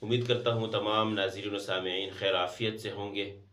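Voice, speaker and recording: A man giving a calm step-by-step lesson in Quran recitation, explaining in speech and then chanting verses slowly and melodically. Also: fairly low pitch. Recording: roomy echo.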